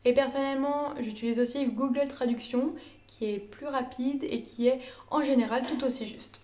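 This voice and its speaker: A young woman, a native French speaker, giving a scripted lesson in a clear, careful way and speaking example words aloud. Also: sits high, steady tone, moderate pace, darkish tone, slight background noise. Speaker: language learner teaching Italian.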